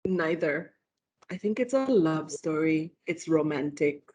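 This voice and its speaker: A woman's voice: sits low, unhurried, slightly rough. A woman guest lecturer with a Malaysian English accent, telling a ghost story on a casual podcast with lots of "like" fillers and giggles. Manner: animated, giggly, many "like" fillers.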